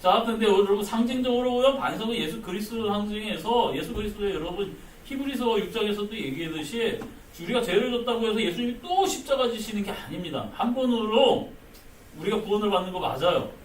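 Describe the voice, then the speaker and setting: Man, pastor, high voice, animated sermon, roomy church sound from a distance. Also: a little hiss or hum. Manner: animated, acts out quoted speech. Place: church sanctuary. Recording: echoey church hall, mic at a distance.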